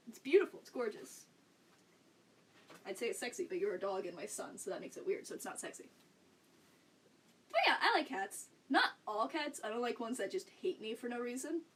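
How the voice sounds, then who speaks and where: A young woman with a fairly high voice chats to her stream viewers from a room at home, rambling from one thought to the next and laughing often. She sits a little back from the mic. A faint noise runs underneath. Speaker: livestreamer. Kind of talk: casual chat with stream viewers. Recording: slightly distant mic, faint background noise.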